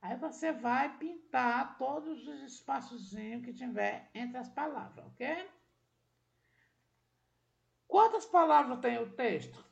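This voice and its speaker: A woman's voice: sits high, animated, slow pace, vocal fry, darkish tone. A woman teacher giving a patient remote literacy lesson to children, walking through each step and checking that they follow along.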